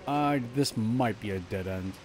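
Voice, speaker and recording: Over game music, a man with a lowish voice talks at a measured pace. He's a video game streamer offering casual live commentary, musing out loud in brief bits of slang.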